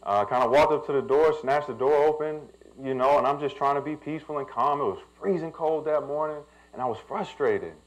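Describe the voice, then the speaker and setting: A man's voice: fairly high pitch, brisk, few pauses, low-quality recording. A young man, a pastor telling a personal story in a sermon and building to emphatic preaching.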